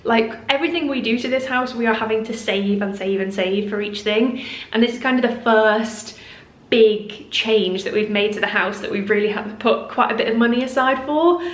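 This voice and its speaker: A woman's voice: a little high, normal speed. Give me a gushing woman vlogging in an echoey, cave-like room. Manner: gushing, excitable, laughs often. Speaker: home vlogger. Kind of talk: casual vlog chat.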